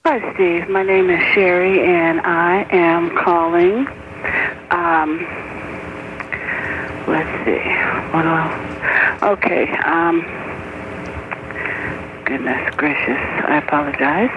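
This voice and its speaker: A woman's voice: on the low side, fairly even intonation, slow pace, pauses often. Flustered woman's tinny phone voicemail. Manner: flustered, hesitant, apologetic. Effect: recorded phone voicemail message. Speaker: sales caller. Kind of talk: leaving a voicemail. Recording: tinny phone line with background noise.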